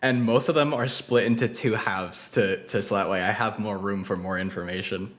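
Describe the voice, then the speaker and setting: A man hosting a tabletop game stream as game master, excitable and self-deprecating. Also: fairly low pitch, normal speed.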